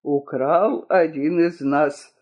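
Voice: medium pitch, sing-song, slow pace, voice pushed up. Tsinamon, a haughty offended king, voiced by the reader. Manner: hissing, offended. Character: haughty, touchy rival king. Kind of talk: storybook reading. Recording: dull lo-fi recording.

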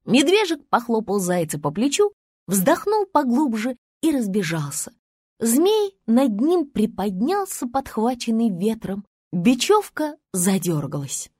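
A woman narrating a children's story in a lively, expressive way. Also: on the high side, unhurried, breathy edge, no echo, studio quality. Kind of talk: storybook reading.

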